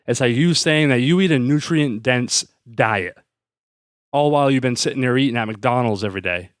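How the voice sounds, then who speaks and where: A man's voice: mid-range voice, normal speed, no echo. Fired-up man ranting in a dry room. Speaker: podcast host. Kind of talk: solo podcast rant.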